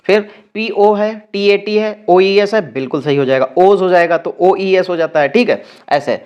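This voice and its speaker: Hindi-speaking male teacher spelling words slowly. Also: high voice, a little mellow, smooth, highs cut off. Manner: spells words letter by letter, slow and deliberate. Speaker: exam prep teacher. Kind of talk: spelling lesson.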